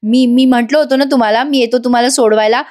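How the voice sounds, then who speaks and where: A woman's voice: on the high side, fairly even intonation, quick pace, darkish tone, lightly acted. Sulky childish young husband, as a woman puts him on. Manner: eager, sulky.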